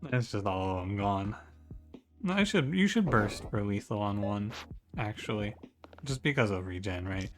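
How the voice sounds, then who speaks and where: A man's voice: on the low side, lively intonation, moderate pace, faint music behind. A man giving casual strategy game commentary, thinking aloud in a musing, conversational way and often correcting himself. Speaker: gaming streamer.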